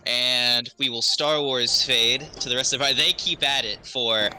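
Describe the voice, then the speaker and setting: A man improvising narration as game master of a tabletop game, halting as he thinks aloud. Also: medium pitch, pushed and bright, faint music behind, poor audio.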